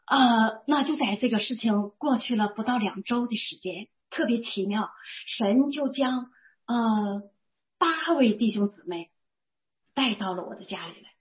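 A woman in her sixties with a Northeastern Mandarin accent shares a heartfelt religious testimony in a high, earnest voice. She talks with emotional fervor that swells as she speaks of prayer. The recording is dull and lo-fi. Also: animated, measured pace. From Northeast China. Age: 60s. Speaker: church member giving testimony.

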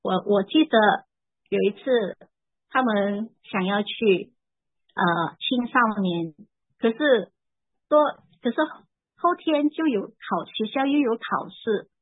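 Husky woman giving a halting testimony. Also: medium pitch, animated, no echo. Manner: halting, repeats words, earnest and emotional. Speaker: church member giving testimony. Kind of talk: personal faith testimony. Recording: tinny phone-like dry sound.

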